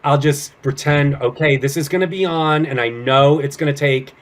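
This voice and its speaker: A middle-aged actor and improv comedian, appearing as an interview guest, chats casually and tells anecdotes informally, acting out bits of dialogue. His fairly high voice keeps a fairly even intonation at a normal speed.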